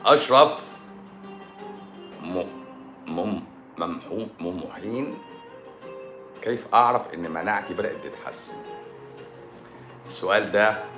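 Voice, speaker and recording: A man's voice: low-pitched, animated, unhurried, vocal fry, pauses often. A man with an Egyptian Arabic accent hosting a live stream, answering viewer questions in a joking, sarcastic manner. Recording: roomy echo with music behind.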